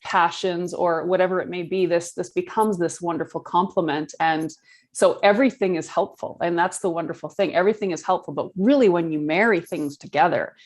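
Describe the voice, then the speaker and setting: A woman's voice: fairly low pitch, steady tone, brisk. A woman hosting a casual chat, speaking enthusiastically and filling her talk with you-knows. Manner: enthusiastic, warm praise, lots of you know. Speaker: host. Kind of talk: casual conversation.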